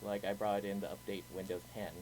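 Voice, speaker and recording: Clear static hiss runs through this live podcast audio. A man with a somewhat low voice co-hosts in a casual, chatty style. He talks quickly. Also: little pitch movement, darkish tone, rough recording. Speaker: podcast co-host.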